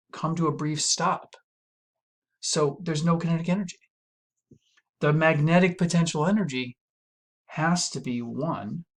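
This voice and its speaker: A man's voice: mid-range voice, creaky, fairly bright tone. A man, a physics teacher, walking students through a homework problem in a casual, chatty, reassuring recorded lesson.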